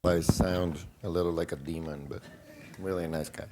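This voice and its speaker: A man presenting a live product demo at a conference, his voice turned deep and demon-like by the microphone, talking casually with jokes and many fillers. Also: fairly even intonation, normal speed, a little mellow, a little hiss or hum. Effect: mic makes his voice sound deep and demon-like. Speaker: conference presenter, company founder. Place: conference hall stage.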